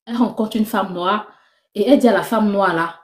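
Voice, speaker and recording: A young woman giving a lively personal faith testimony, acting out the conversations she tells. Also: mid-range voice, a little fast. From Ivory Coast. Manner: animated storytelling, acting out dialogue. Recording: roomy echo.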